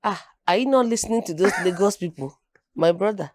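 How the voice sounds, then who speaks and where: A woman's voice: medium pitch, lively intonation, brisk, darkish tone, no room sound, studio quality. A Nigerian woman in her early forties, a podcast guest chatting casually and animatedly, joking and slipping into Pidgin. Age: early 40s. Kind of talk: casual interview chat.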